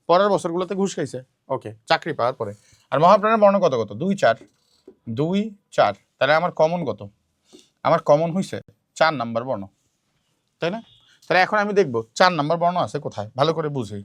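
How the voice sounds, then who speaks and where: A man's voice: fairly high pitch, dry recording. A man teaching a grammar lesson for exam prep, repeating key points and quizzing students, dropping in English words. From Bangladesh.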